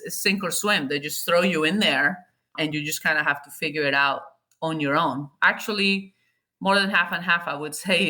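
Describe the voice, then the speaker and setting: Woman, 40s, bright and open tone, chatty interview guest. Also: on the low side. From Colombia. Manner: candid, chatty, talks with self-corrections. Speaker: guest, golf TV producer. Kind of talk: casual interview chat.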